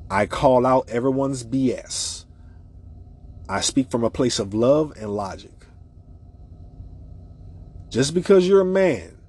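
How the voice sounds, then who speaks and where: A man with a raspy voice hosting an opinionated podcast monologue, talking emphatically and repeating his points for effect. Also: lowish voice, darkish tone. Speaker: podcast host.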